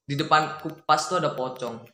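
A young man telling a ghost story from his childhood in a quiet, rambling, casual way, acting out what his family said. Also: fairly high pitch, steady tone, moderate pace. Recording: echoey room with faint noise.

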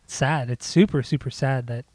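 Breathless male podcast co-host, mid pitch, loose rambling delivery, dry close sound. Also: normal speed, a little mellow, no room sound. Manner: rambling, many restarts and fillers. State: out of breath after a bike ride. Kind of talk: casual music podcast chat. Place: home.

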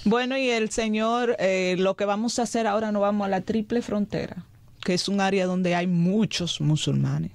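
A woman's voice: mid-range voice, normal speed, darkish tone, no room sound. Earnest missionary woman, dry studio sound. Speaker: missionary guest.

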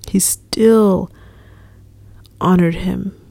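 A young woman leading a casual devotional talk for her ministry, earnest and repetitive, often dropping into a soft whispery delivery. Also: medium pitch, fairly even intonation, drawn-out words, vocal fry, dry recording. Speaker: ministry leader.

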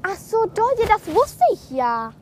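Teen girl, high voice, bossy, insistent, park, loud background noise. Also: very animated, measured pace. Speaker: friend. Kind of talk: casual chat. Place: outdoors in a park.

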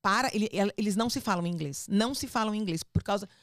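A woman's voice: mid-range voice, quick pace, no room sound, studio quality. A woman with a Brazilian accent, a mother who gives advice in casual conversation, making her points emphatically and repeating them firmly. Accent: Brazilian Portuguese. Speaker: mother giving parenting advice. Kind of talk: casual podcast chat.

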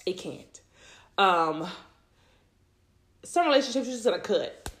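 Animated and a bit bright, a woman in her thirties hosts a podcast on faith and relationships, speaking at a measured pace in a medium-pitched voice. Her personal talk wanders, circling back on the same words and filled with "you know"s.

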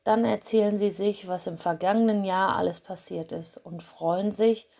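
A woman reading a children's Christmas story aloud in a calm, gentle way. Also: mid-range voice, normal speed, creaky. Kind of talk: storybook narration.

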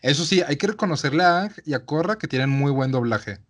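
A man with a Mexican Spanish accent, co-hosting a relaxed, casual chat and using slang fillers. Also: fairly high pitch, quick pace. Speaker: podcast co-host. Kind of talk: casual chat about a cartoon series.

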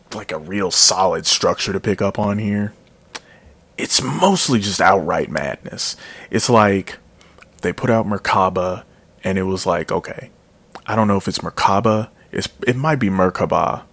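Man, deep voice, rambling album review, self-correcting, dry close sound. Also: expressive, unhurried, pauses often, fairly bright tone, slightly rough, dry recording. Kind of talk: casual spoken music review.

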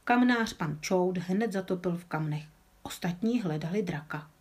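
A woman calmly reading a children's story aloud, with an occasional small slip of the tongue. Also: fairly low pitch, breathy edge. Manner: calm, with small slips.

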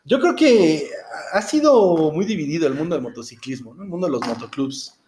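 A Mexican man with a slightly high voice co-hosts a podcast in an echoing room. He speaks in casual street slang, as in a chat between friends. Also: expressive, normal speed, a little mellow. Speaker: podcast co-host. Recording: roomy, echoing sound.

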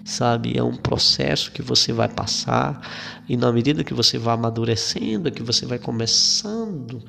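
A man's voice: medium pitch, moderate pace, gravelly, pushed and bright. A man giving an informal sermon in a conversational tone, with frequent fillers and repetitions. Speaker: preacher. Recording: long reverb with faint guitar.

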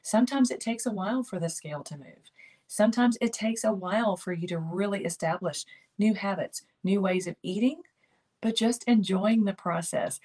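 A woman's voice: mid-range voice, a little mellow. An older woman hosting a keto lifestyle channel, giving encouraging motivational talk to camera. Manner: encouraging, repetitive coaching phrases.

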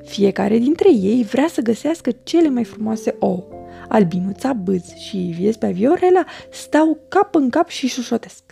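Expressive woman reading a storybook. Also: fairly high pitch, gravelly, faint music behind.

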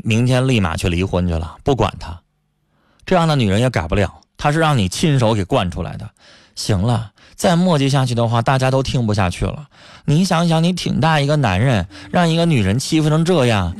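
A man hosting a radio call-in advice show, bluntly scolding and lecturing callers. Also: mid-range voice. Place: radio studio.

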